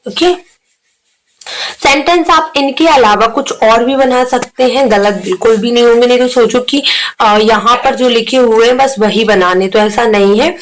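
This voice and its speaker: A woman teacher, going through an exam revision lesson and explaining each word slowly. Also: a little high, rough recording.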